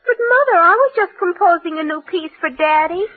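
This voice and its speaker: A woman's voice: very high voice, lively intonation, fairly quick, no room sound. A woman playing a possessive young daughter who feigns sweet innocence, in old-time radio drama style. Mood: tearful, clinging. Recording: tinny old radio recording.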